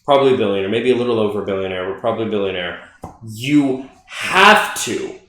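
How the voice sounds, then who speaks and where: Low-voiced guy rambling on a podcast, tons of ums and likes, room echoes a lot. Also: racing, darkish tone. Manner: rambling, many fillers and restarts, swears casually. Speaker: podcast co-host. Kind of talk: casual chat.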